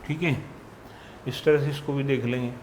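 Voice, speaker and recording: A man's voice: medium pitch, fairly even intonation, a little mellow, slight background noise. A man teaching a shorthand class, patiently reading practice words out one at a time. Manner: reads out word lists one by one, patient and deliberate.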